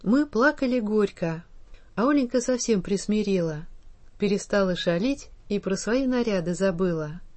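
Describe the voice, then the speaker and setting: A woman reads a children's storybook aloud as narrator. Her delivery is slow and measured, with a mid-range pitch and a calm, steady pace. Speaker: audiobook narrator.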